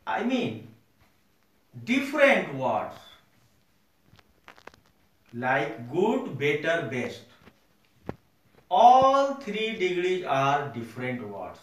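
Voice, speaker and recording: A man teaching a grammar lesson to students, slowly repeating each point for the class. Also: a little high, wildly swooping pitch. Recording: roomy echo, distant mic.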